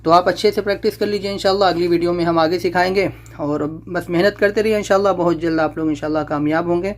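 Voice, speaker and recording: A man teaching Quran reading, drilling syllables slowly one by one and then explaining quickly. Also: sits high, steady tone. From South Asia. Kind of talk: patient step-by-step lesson.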